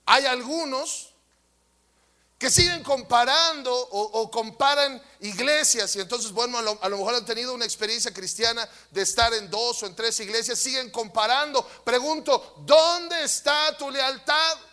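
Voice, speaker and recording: A man with a Mexican Spanish accent, preaching a sermon who acts out voices and then shouts at the congregation. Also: very high-pitched, moderate pace. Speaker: pastor.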